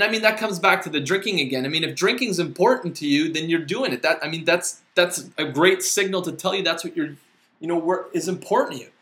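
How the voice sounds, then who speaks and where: A man's voice: high voice, pushed and bright. A middle-aged man hosting a motivational podcast, talking casually with many fillers and restarts. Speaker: podcast host. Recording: echoey room.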